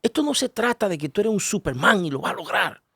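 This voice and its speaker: Emphatic preaching man, very lively pitch. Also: fast talker, breathy edge, dry recording, studio quality.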